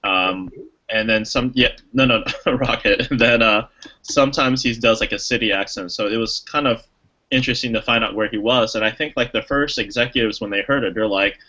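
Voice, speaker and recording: A man's voice: mid-range voice, a little fast, bright, forceful tone, lo-fi sound. A man co-hosting a podcast, chatting casually and enthusiastically about a movie, rambling with lots of fillers. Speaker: podcast co-host. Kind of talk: casual movie review chat.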